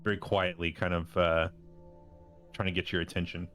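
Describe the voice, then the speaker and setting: A man runs a tabletop game as game master, describing the scene in a very deep voice. His narration wanders and is full of fillers. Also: little pitch movement, moderate pace, a bit bright, faint music behind. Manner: loose narration full of "uh" and "kind of".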